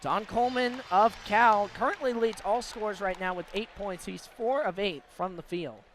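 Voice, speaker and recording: A sports announcer delivers live radio play-by-play at normal speed, his voice sitting high with a slightly bright tone. He's at a venue broadcast position, and clear ambient crowd and venue noise fills the background.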